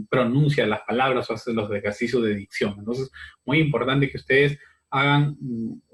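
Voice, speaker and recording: Male teacher, mid-pitch, talks through a class lesson with fillers and tag questions. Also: fairly bright tone. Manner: repeats phrases while explaining. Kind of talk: recorded class explanation.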